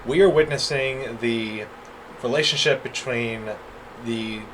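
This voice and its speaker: A man's voice: mid-range voice, slow pace, fairly bright tone, a little hiss or hum, poor audio. A man from the American South co-hosting a film podcast, talking casually in a rambling way full of "like" and restarts. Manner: rambling, filler-heavy, restarts with "like". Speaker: podcast co-host. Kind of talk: casual chat about films.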